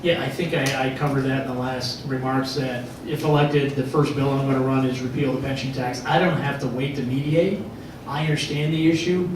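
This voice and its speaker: A man's voice: mid-range voice, steady tone, brisk, noisy background. A man, a candidate at a public forum, making his point in a confident, emphatic way in a large echoey hall. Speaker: political candidate. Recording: echoey hall, heard from far off.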